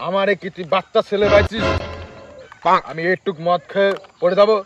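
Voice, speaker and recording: A man's voice: high voice, steady tone, fairly quick, lo-fi sound, music in the background, natural voice. A man playing a boastful drunk picnicker in a comedy sketch, with drunken, bragging talk.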